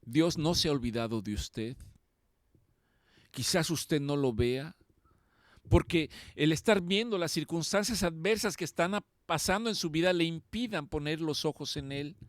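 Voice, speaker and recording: A man's voice: fairly high pitch, normal speed, no echo, clean studio sound. A man preaching a sermon as pastor, impassioned and emphatic, repeating key phrases for weight.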